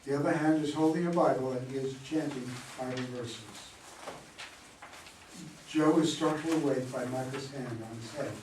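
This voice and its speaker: A man with a mid-range voice reads a play's cast list and stage directions as scripted narration at a moderate pace. He's recorded from a distance in a roomy space, with faint noise.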